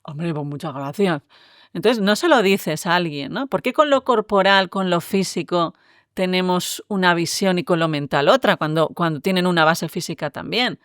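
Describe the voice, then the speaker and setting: A woman, a neuroscientist guest explaining ideas in a relaxed interview, often ending with tag questions. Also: on the low side, normal speed, smooth, no echo, clean studio sound. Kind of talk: conversational interview.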